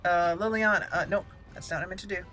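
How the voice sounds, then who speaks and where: Talking fast in a fairly low, slightly bright voice with fairly even intonation, a woman narrates each move as casual play-by-play on her gaming channel, thinking aloud. Game music is audible.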